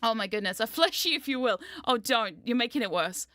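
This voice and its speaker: A jet-lagged woman from New Zealand with a slightly sore throat, chatting casually to livestream viewers in an excitable, giggly, rambling, playfully dramatic and sweary way. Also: a little high, brisk, no echo. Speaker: VTuber streamer and host.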